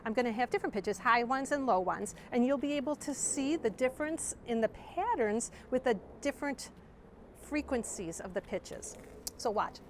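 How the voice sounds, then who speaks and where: A woman's voice: a little high, lively intonation, normal speed, a little hiss or hum. A woman choir director giving a friendly, enthusiastic video lesson on vocal technique.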